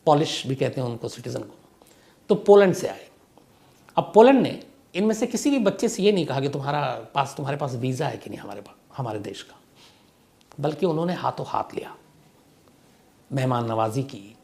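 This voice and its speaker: Gravelly man telling a history story. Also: mid-range voice. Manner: emphatic, rhetorical questions, swinging loudness. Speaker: narrator.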